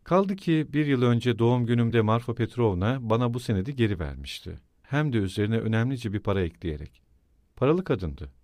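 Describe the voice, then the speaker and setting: A man's voice: mid-range voice, big pitch swings, fairly quick, darkish tone, no room sound, clean studio sound, lightly acted. A man voicing a brooding, eerie, absent-minded middle-aged landowner in an audiobook reading, with a musing, rambling delivery.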